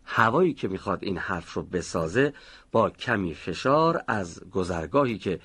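A man teaching Quran recitation, explaining how to pronounce a letter and slowly sounding out example words. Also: deep voice, big pitch swings, a bit bright, slightly rough. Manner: slow, deliberate pronunciation of example words. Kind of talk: instructional lesson. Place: recording studio.

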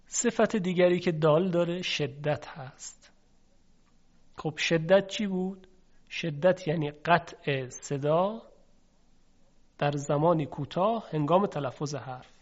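A male teacher giving a recitation lesson, patiently explaining and sounding out letters to demonstrate. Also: a little high. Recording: dull lo-fi recording.

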